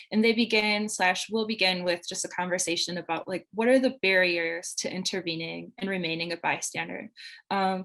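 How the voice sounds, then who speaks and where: A woman's voice: medium pitch, a bit bright, poor audio. A woman facilitating a live online training over a video call, earnest and loose, with many "like"s and "um"s. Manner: earnest, heavy use of "like" and "um". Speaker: workshop facilitator.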